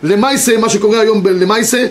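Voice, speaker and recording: High-voiced rabbi teaching a class. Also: male voice, slight background noise. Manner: explains, reads sources aloud, checks in with students. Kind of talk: Torah class lecture. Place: classroom with students.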